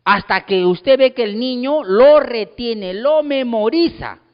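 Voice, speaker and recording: A pastor preaching a sermon, emphatic and repetitive, firing rhetorical questions at the congregation. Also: male voice, very high-pitched, expressive, slow pace, clean tone. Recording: dull lo-fi sound with long hall reverb.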